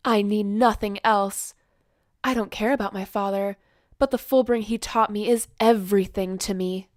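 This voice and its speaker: A woman's voice: medium pitch, fairly even intonation, normal speed, no room sound, natural voice. Woman acting a guarded young anime heroine, dry recording. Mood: detached. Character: detached, emotionless young woman with supernatural powers. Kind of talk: anime fan-dub character acting.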